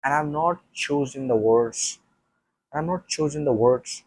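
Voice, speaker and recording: A man with a slightly high voice speaks unhurriedly, with no room sound and poor audio quality. English isn't his first language, and he talks alone to a camera about learning it, thinking aloud with lots of restarts and repeated phrases.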